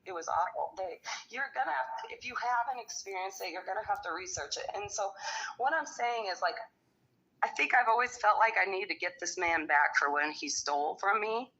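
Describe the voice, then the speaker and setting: A woman in casual chat, talking bluntly and swearing freely as she tells animated stories. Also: mid-range voice, a little fast. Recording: dull lo-fi recording.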